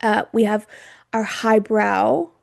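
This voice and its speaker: A woman's voice: medium pitch, little pitch movement, takes it slowly, vocal fry, no room sound, clean studio sound. A woman co-hosting a podcast in casual chat, chatty and laughing often, her throat irritated from smoke. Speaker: podcast co-host.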